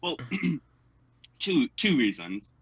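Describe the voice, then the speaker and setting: A man's voice: fairly high pitch, very animated, extremely slow, dull audio, a little hiss or hum. A young American man with a General American accent, chatting as a guest with lots of fillers and little laughs. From United States. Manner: hesitant, filler-heavy talk with frequent laughs. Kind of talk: casual chat.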